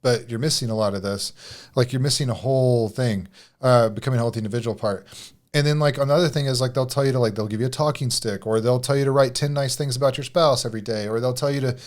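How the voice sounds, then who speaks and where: A man's voice: medium pitch, fast, a little mellow. A man co-hosting a casual talk about marriage, speaking bluntly and rambling with many fillers. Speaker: marriage coach, co-host.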